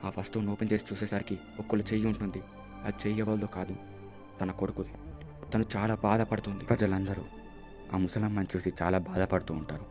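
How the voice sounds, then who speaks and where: A man's voice: on the low side, steady tone, quick pace, over music. A man telling an anime episode's story in a chatty way, acting out the characters' lines as he goes. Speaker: YouTube channel host. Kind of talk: casual anime episode recap.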